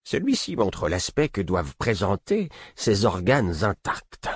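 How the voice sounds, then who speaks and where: A man voicing a stern older male mentor who gives curt orders and shouts in anger, reading an audiobook. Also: lowish voice, huge pitch swings, unhurried, slightly rough, no echo, studio quality, pitched above the performer's own voice, heavily acted. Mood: urgent. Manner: curt and commanding, rising to shouts.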